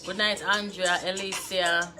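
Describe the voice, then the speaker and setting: A woman's voice: on the low side, flat delivery, unhurried, music in the background. A Jamaican woman hosting a casual live political discussion on her phone, chatting and greeting viewers by name, slipping into patois. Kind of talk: casual live-stream chat.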